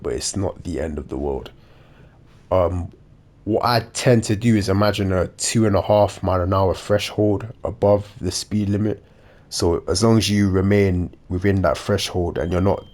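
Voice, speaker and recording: Deep, congested man narrating gameplay. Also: darkish tone. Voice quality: nasal, blocked-nose congested sound. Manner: dopey-sounding, matter-of-fact explaining. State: congested with a blocked nose. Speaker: video game commentator. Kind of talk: measured instructional gameplay commentary.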